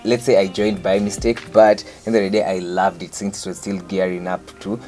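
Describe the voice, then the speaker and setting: A man's voice: deep voice, flat delivery, fairly quick, music in the background. A young Kenyan man with a Kenyan English accent, chatting upbeat and talkatively as an interview guest, now and then dropping in Swahili. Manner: upbeat, talkative, mixes in Swahili, frequent "yes". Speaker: interview guest, radio presenter and social media personality. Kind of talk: casual interview chat.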